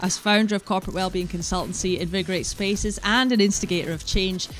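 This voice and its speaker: A woman's voice: medium pitch, fast talker, soft background music, rough recording. A woman from Shetland with a Shetland Scottish accent, hosting a podcast with introductions and interview questions. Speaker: podcast host.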